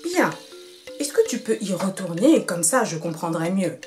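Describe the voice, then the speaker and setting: A woman voicing a small, wise female tortoise who asks patient, measured questions. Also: fairly low pitch, big pitch swings, a little mellow. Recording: music playing behind.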